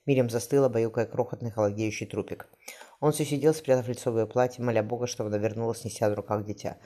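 A man narrating a historical novel for an audiobook, reading quickly with small slips. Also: mid-range voice, steady tone, dark tone.

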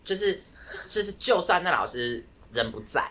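A young man with a Taiwanese Mandarin accent, a guest in a casual chat, telling stories in an animated way and apologizing sheepishly. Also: on the high side, normal speed.

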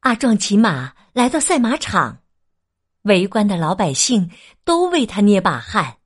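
A woman narrating a children's folk tale in a gentle, expressive storytelling manner. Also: medium pitch, unhurried, slightly rough.

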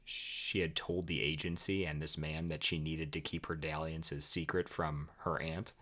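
A man's voice: rumbling low, flat delivery, measured pace, fairly bright tone. A man hosting a podcast, casually telling a history story with chatty, wry asides. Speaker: podcast host.

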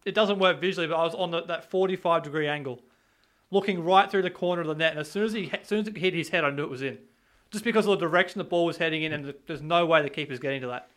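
A man in a casual football podcast who speaks fast and punchy and keeps jumping in. His voice sits a little high. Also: fairly bright tone. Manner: quick, emphatic, chiming in.

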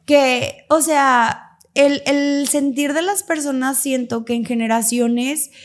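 A young woman, sharing her thoughts in a casual podcast chat, with quick slangy asides. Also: high-pitched, fairly even intonation. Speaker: podcast co-host.

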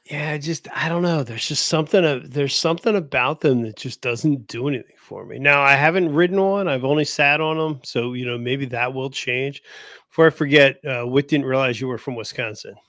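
A man's voice: mid-range voice, brisk, a bit bright, no room sound. A man hosts a casual podcast conversation in a mid-range voice. He speaks bluntly and gives strong opinions but often hedges. The recording is dry and close, with no room sound. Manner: opinionated, blunt, hedging with "I don't know". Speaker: podcast host.

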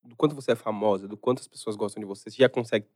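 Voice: medium pitch, rapid-fire, darkish tone, no echo, studio quality. A co-host in a casual interview who talks in slang and acts out quoted people.

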